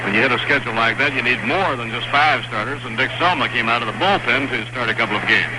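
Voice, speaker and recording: On live radio, a man calls a baseball game play by play from a stadium broadcast booth, describing each pitch steadily and measuredly. The recording sounds like a noisy vintage 1960s radio broadcast.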